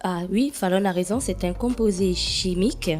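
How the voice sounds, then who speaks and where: A woman's voice: mid-range voice, normal speed, a little mellow. A woman, co-hosting a morning radio show in a studio, playful and full of teasing stories. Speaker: radio co-host. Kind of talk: joking radio banter.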